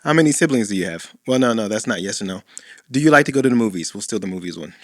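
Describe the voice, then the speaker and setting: A man co-hosting a dating-coach podcast in casual chat, playful and animated, often acting out quoted lines. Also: lowish voice, rapid-fire, no room sound, clean studio sound.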